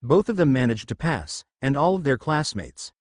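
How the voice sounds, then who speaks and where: A man reading fan fiction aloud in a steady storytelling manner. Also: medium pitch, normal speed, no echo, studio quality.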